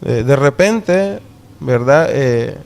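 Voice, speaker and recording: A man with a Nicaraguan Caribbean coast Spanish accent, explaining things deliberately in an interview and often checking for agreement with short tag questions. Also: mid-range voice, animated, vocal fry.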